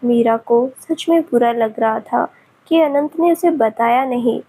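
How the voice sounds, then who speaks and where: Husky higher-voiced woman reading a love story, gentle and emotional. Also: a little slow, rough recording. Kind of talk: scripted romance narration.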